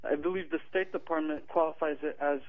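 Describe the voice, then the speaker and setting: A man from Morocco who writes books and teaches Arabic calls a radio show for an interview, heard through a tinny telephone with no room sound. His pitch is a little high and his intonation fairly even as he talks briskly. Articulate overall, he still leans on hesitant fillers.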